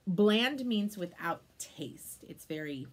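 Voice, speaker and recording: Taking it slowly, a woman in her thirties with a medium-pitched voice reads a picture book to children. She's expressive throughout, with exclamations and chatty asides that explain the story.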